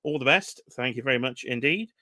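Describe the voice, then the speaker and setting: A British man hosts a toy-collecting livestream, chatting casually, teasing, and reading viewers' names aloud from the chat as he greets them. His medium-pitched voice is animated, brisk, pushed and bright, and the recording is dry.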